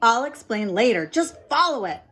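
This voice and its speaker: A woman's voice: a little high, very animated, moderate pace, a bit bright, pitched above the performer's own voice. Woman doing an exasperated young boy. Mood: urgent. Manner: urgent, exasperated. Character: excitable young boy, bossy big brother.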